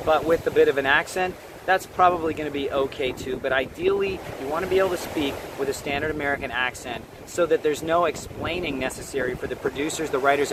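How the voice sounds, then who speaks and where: A man's voice: on the high side, noisy background. A man as an acting coach giving direct, emphatic career advice to camera, often checking in with "okay?".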